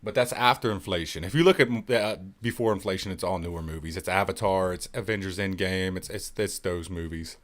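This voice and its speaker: A man's voice: low voice, a little fast, hardly any pauses, a bit bright. A man in his thirties hosting a casual live podcast, sarcastic and joking, swearing freely. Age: 30s. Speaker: podcast host.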